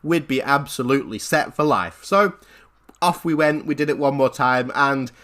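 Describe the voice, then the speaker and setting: Bright-voiced guy telling a story. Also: medium pitch, normal speed. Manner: animated, rambling storytelling with repeated phrases. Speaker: gaming channel host. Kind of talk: story time vlog narration.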